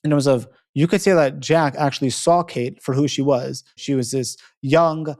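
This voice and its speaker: A man's voice: medium pitch, steady tone, moderate pace, a little mellow. A man hosting a podcast who talks casually and rambles a little, filling his speech with "like" and "you know" and correcting himself as he goes. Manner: chatty, lots of "like" and "you know", self-correcting. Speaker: podcast host.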